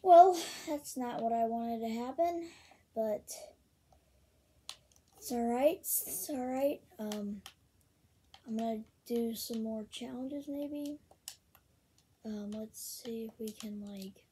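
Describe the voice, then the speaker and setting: A woman casually talking through a video game, with many ums and excited bursts over card pulls. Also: medium pitch, a little hiss or hum. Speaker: gaming channel host. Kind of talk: casual gameplay commentary.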